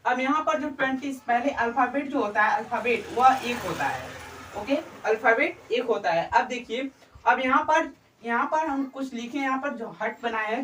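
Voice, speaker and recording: A woman's voice: a little high, fairly bright tone, a little hiss or hum. Woman teacher in an echoey room. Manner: asks the class questions and answers them herself. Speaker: English teacher. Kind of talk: classroom-style explanation. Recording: roomy, mic far from speaker.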